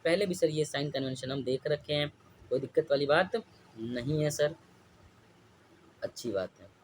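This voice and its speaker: A man's voice: fairly high pitch, normal speed, slight background noise. Male teacher quizzing students. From India. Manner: asks the class questions and answers them himself. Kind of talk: classroom-style lecture.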